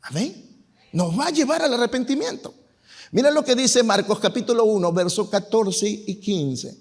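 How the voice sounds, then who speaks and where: A man's voice: sits high, expressive, moderate pace. A male pastor preaching a sermon to a church congregation, asking questions and answering them himself. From Peru. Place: church sanctuary.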